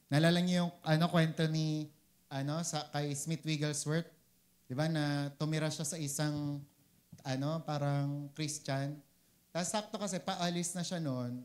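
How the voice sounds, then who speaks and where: A man's voice: a little high, a little mellow. Filipino-accented man preaching casually. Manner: conversational, keeps asking "di ba?", mixes English phrases. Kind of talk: casual sermon.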